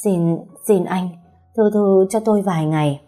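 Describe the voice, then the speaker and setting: A woman voicing a desperate middle-aged mother who begs and sobs, in a high, tearful voice, reading a story aloud. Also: normal speed, warm tone, faint music behind, natural voice. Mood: tearful pleading. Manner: pleading, tearful, high-pitched. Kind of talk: audiobook storytelling.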